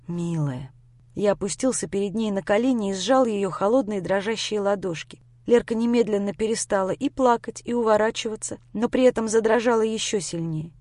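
A woman's voice: mid-range voice, dry recording. Woman narrating an audiobook. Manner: expressive storytelling. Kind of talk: first-person story narration.

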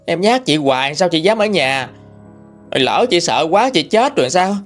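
A man's voice: on the high side, sing-song, moderate pace, soft background music, pitched above the performer's own voice. A man voicing a frightened pregnant young village wife who pleads. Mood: pleading.

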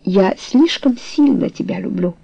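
A woman's voice: mid-range voice, lively intonation, unhurried, gravelly, dark tone, slightly rough, no room sound, lo-fi sound, heavily acted. A woman voicing a remorseful, passionate older man in a storybook reading, speaking earnestly and tenderly.

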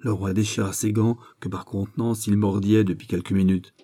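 A man narrating a classic novel as an audiobook in a measured, steady reading. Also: on the low side, no room sound, clean studio sound.

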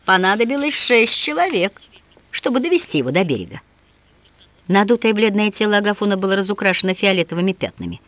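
A woman reads a novel aloud in audiobook style, with lively, strongly varied intonation. The recording is dry and close, with no room sound. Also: low voice, dry recording. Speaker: audiobook reader. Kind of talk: audiobook narration.

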